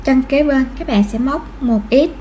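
Woman, high voice, patient crochet lesson, faint background hiss. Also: normal speed, dark tone. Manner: patient, counts stitches aloud, frequent fillers. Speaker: crochet tutorial host. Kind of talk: step-by-step crochet instruction.

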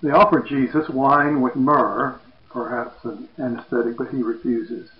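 A man preaching, retelling a scripture story slowly and dramatically. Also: mid-range voice. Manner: slow, dramatic retelling, lively quoted voices. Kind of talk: sermon narration of scripture. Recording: echoey, dull sound.

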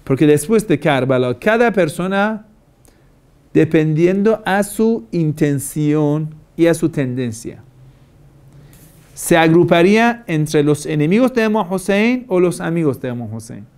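Man, cleric, religious lecture, rhetorical questions, repeats phrases for emphasis, fairly high voice. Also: expressive, unhurried, a little mellow, clear, resonant tone. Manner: asks many rhetorical questions. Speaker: Shia cleric.

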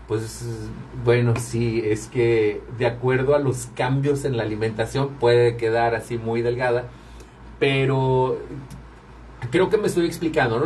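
A man's voice: mid-range voice, darkish tone, distant mic, a little hiss or hum. Chatty man hosting off-mic. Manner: chatty, talks to viewers while working the controls. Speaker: radio and livestream host. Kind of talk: casual live-stream chat.

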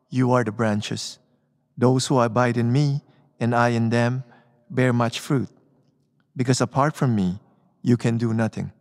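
Male priest, mid-pitched, homily full of fillers, cathedral echo with long reverb. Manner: measured reading, then loose talk with many fillers. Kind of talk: gospel reading and homily. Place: large church.

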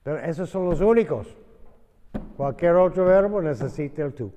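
A man's voice: fairly high pitch, expressive, normal speed, dark tone, big-room sound, a little hiss or hum. A man teaching English to a class in Spanish, explaining patiently and mixing in English examples.

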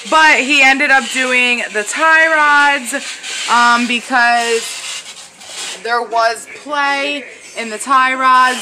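Holding her phone close, a woman in her twenties who vlogs about family chats casually from her home kitchen, rambling and using lots of fillers. Her voice is a little high, and the background is noisy.

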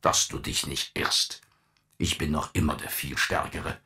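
A man's voice: rumbling low, flat delivery, measured pace, gravelly, pitched below the performer's own voice, full character voice. A man doing a scornful, tyrannical old father. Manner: contemptuous, bursts into shouting rants.

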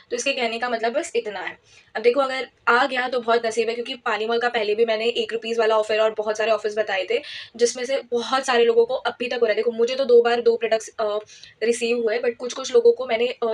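A woman hosting her channel, talking casually through an app tutorial and giving advice in a voice-over. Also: a little high. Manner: chatty, advice-giving, mixes English into Hindi. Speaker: YouTube channel host. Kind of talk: casual screen-recording tutorial.

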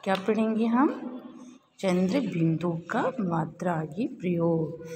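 A woman teacher giving a kindergarten language lesson, stretching out each word slowly and asking her students questions as she goes. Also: lowish voice, lively intonation, dark tone, slight background noise. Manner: slow, drawn-out reading of words; addresses students directly, repeating questions. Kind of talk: online kindergarten Hindi lesson. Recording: echoey room with long reverb, faint ambience.

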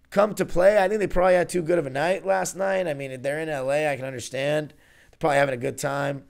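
This young man in his twenties has a gravelly, darkish voice that sits on the high side. Hosting a solo basketball podcast, he breaks down the game like an enthusiastic fan, rambling and often fixing his words mid-sentence. He talks into a stand-mounted studio mic in a small room with a virtual arena behind him.

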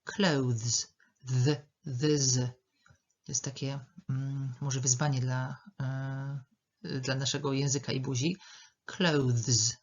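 A woman leads an English lesson, going word by word and saying each one twice. Her voice is a little husky and she speaks slowly. The recording sounds dull and lo-fi. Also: extremely low pitch, level tone, a little mellow. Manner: slow, careful, repeats words for pronunciation. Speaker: English teacher. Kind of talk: language lesson.

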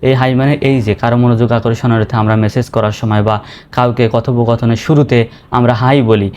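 A male teacher with a Bangladeshi accent giving a pronunciation lesson. He spells each word out letter by letter, then says it slowly and clearly. His pitch sits at an ordinary middle, with a faint hiss of noise behind him. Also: steady tone, a little mellow, highs cut off. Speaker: English teacher.

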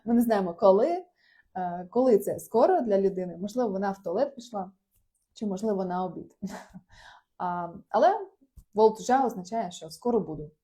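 Mellow-voiced woman teaching a language class. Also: medium pitch, lively intonation, normal speed, pauses often. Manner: explains patiently, mixing in Portuguese phrases; laughs often, casual. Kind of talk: live online lesson, reading chat replies.

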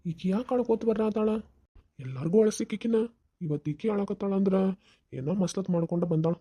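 A woman's voice: mid-range voice, fairly quick, dark tone, breathy edge, lightly acted. A woman voicing a weary, sarcastic older father-in-law in a cartoon story, speaking in a dry way.

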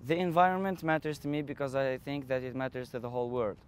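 A man's voice: medium pitch, fairly even intonation, fast, slight background noise. A teenage boy from Algeria, interviewed outdoors on a lawn, speaking earnestly and carefully. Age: teens. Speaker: student interviewee. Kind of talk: interview to camera.

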